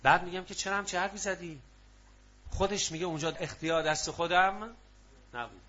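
A man giving a religious talk to a live audience, lively and often prompting listeners to answer aloud, on a muffled lo-fi recording. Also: sits high. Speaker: preacher.

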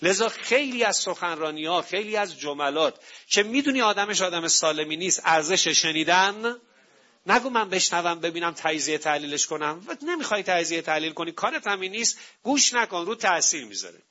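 High-voiced guy preaching, pushy and emphatic, dull muffled recording. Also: animated, sharp tone. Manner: emphatic, rhetorical questions to the congregation. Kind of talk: sermon.

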